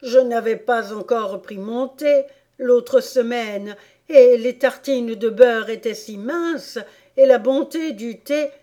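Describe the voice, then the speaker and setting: A woman voicing a nervous, trembling man in a storybook, speaking loudly in a flustered, pleading way. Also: on the high side, slow, few pauses, voice pushed up.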